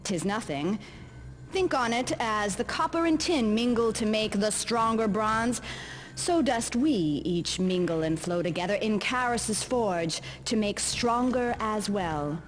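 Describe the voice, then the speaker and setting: Woman acting a slow-spoken, devout fantasy mechanist. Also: medium pitch, expressive, natural voice. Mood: soothing. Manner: measured, formal archaic speech. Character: calm, devout female mechanist, kindly and solemn. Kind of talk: video game character dialogue.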